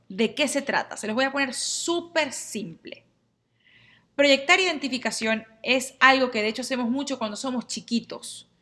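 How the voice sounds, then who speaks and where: Mujer animada de voz brillante. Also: female voice, fairly high pitch. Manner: lively, acts out little dialogues in quotes. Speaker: astrologer and therapy teacher. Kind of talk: casual explainer to viewers.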